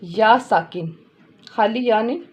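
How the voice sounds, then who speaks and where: A woman's voice: a little high, slow, muffled recording. A woman teaching a Quran lesson step by step, patiently repeating each point and checking in with her students.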